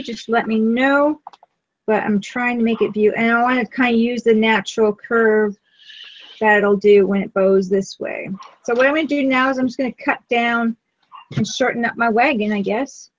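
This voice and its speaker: A woman's voice: a little high, fairly even intonation, normal speed, dry recording. Chatty woman hosting a lo-fi craft stream. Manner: chatty, easygoing, talks while working. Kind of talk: casual live craft-stream chat. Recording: lo-fi live-stream audio.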